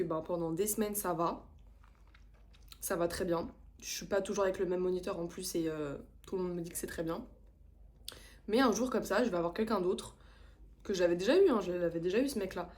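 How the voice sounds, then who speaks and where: Young woman ranting in slangy vlog. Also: lowish voice. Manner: exasperated storytelling, slangy and profane, drops English phrases. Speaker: vlogger.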